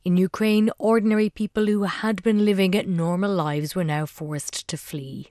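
A woman presenting a radio news review in scripted narration, measured and wry. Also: medium pitch, fairly even intonation, warm tone, no room sound, studio quality.

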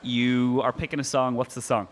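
A man's voice: mid-range voice, fairly even intonation, normal speed. A man with an Irish accent hosting a light, casual radio interview in a jokey, teasing way. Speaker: radio host.

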